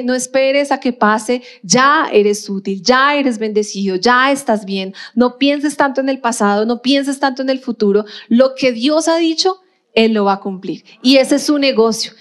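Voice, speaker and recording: A woman pastor gives a lively sermon in a slightly high voice. She talks to the congregation conversationally and acts out everyday scenes as she preaches. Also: measured pace.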